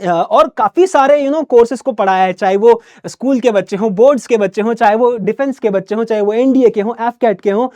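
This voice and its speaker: This young English teacher runs an energetic online lesson with a big-brother warmth, frequently checking on how his students are doing. He speaks in a very high voice, briskly and with few pauses, with no room sound at all.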